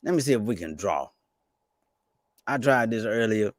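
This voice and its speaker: Low dry voice guy rambling fast about stocks, excited, trips over his words. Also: no room sound. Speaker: finance YouTuber. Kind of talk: casual market commentary.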